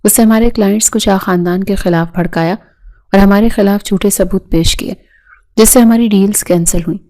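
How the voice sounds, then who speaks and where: A woman reading a romance novel aloud as scripted narration, in a steady, even way. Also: mid-range voice.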